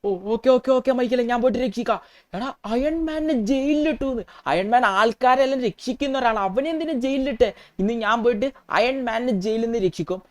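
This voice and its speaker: Woman doing an excitable young hustler, talks nonstop thru the game, kinda high voice. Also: fairly quick, natural voice. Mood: excited. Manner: excitable, chatty, talking through gameplay. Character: excitable young adult male street hustler. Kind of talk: gameplay voice role-play.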